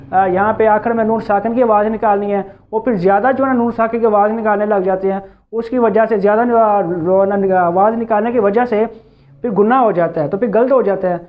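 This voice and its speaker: A man teaching Quran recitation rules, explaining patiently and repeating himself, with slow drawn-out recited examples. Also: sits high. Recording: tinny phone-like sound.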